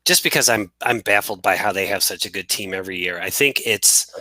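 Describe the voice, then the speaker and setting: A man's voice: sits low, brisk, bright, forceful tone, dry recording. A man hosting a casual sports talk show, joking and rambling with frequent restarts. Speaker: podcast host.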